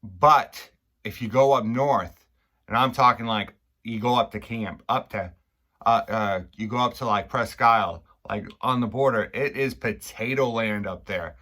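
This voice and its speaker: Maine accent guy, kinda low but bright forceful voice, casual rambly explainer, stops and restarts a lot. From Maine, United States. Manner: halting, rambling, repeats and restarts phrases. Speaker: video maker explaining local slang. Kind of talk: casual unscripted explainer chat.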